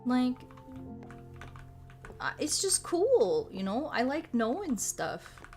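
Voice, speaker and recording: With a high, sing-song, slightly mellow voice and a slow pace, a woman video game streamer chats eagerly and casually. She wanders onto tangents and swears freely while background music plays.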